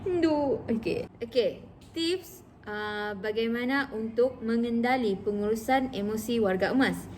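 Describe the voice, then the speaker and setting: A woman's voice: a little high, measured pace, background noise. A woman therapist in a casual educational vlog, chatting and explaining with acted-out examples. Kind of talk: informal educational vlog talk.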